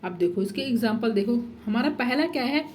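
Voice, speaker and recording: A woman's voice: a little high, lively intonation, a little fast, darkish tone. A young woman teaching a grammar lesson, repeating herself and asking and answering her own questions. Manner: frequent "theek hai" checks.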